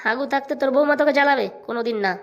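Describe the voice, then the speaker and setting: A woman's voice: high voice, fairly even intonation, rapid-fire. A woman voicing a brash, scheming young man in a family cartoon, speaking in a swaggering, bossy manner. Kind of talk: cartoon voice acting.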